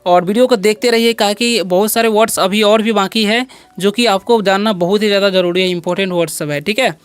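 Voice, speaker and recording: A patient teacher leads a children's English vocabulary lesson, asking a question and then answering it, over and over. The voice is smooth and clear. It sits in a dry, close space with no echo. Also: mid-range voice, fast. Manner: patient, repetitive explaining.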